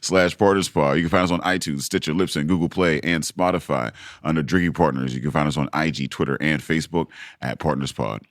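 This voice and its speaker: A man's voice: a bass voice, fairly even intonation, fairly quick, hardly any pauses, dry recording, studio quality. A man co-hosting a podcast, chatting casually, laughing often and swearing freely. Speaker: podcast co-host.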